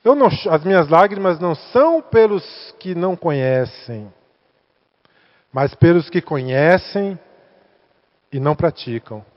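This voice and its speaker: A man with a Brazilian Portuguese accent voicing a sorrowful, gentle male holy teacher in a quoted story. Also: on the high side, expressive, a little slow, pauses often. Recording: echoey hall, dull lo-fi sound.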